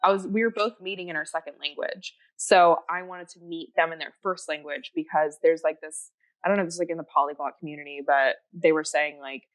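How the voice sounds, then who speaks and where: On a rough recording, a podcast guest whose first language is Japanese talks enthusiastically in casual chat, rambling and restarting, packed with fillers. Her low voice stays steady in tone and moves at a brisk clip.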